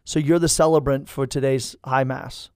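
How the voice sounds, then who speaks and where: A man in his thirties, a priest, telling stories in a lively, animated chat and acting out the people he quotes. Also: mid-range voice, normal speed, clear, resonant tone, no room sound, clean studio sound. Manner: animated storyteller, acts out quoted voices. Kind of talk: storytelling in casual chat.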